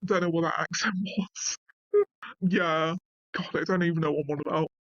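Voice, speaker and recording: A man's voice: a little high, steady tone, normal speed, fairly bright tone, no room sound, lo-fi sound. A man reading a wiki article aloud and breaking off into casual asides, often saying "like". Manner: reads passages, then breaks off into offhand asides with frequent "like".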